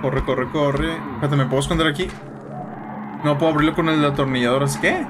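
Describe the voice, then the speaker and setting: A man giving jokey, slangy horror-game commentary and yelling when scared. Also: fairly high pitch, fairly quick. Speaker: gaming YouTuber. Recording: game music behind voice.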